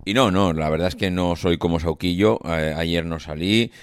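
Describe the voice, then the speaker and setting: A man with a Spain Spanish accent hosting a casual podcast monologue, hoarse and nasally congested from a coming cold, rambling with many hesitations. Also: low voice, moderate pace, dry recording, studio quality. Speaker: podcast host.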